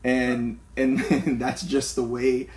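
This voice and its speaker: A man's voice: medium pitch, flat delivery, darkish tone. A man, a pastor, speaking reflectively in a discussion, with frequent fillers. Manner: measured, reflective, many fillers. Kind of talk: conversational discussion.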